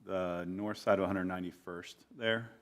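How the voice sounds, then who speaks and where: A man's voice: low-pitched, steady tone, normal speed, fairly bright tone. A man speaking as a commission member, asking informal questions at a meeting.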